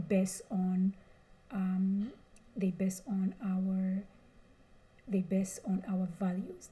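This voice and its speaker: A young woman speaks with a deep, mellow, very dark tone at a middling pitch. She coaches earnestly about relationships, circling back and restating her points. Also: slight background noise. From Rwanda. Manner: earnest, rephrases and repeats herself often. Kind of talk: solo advice talk.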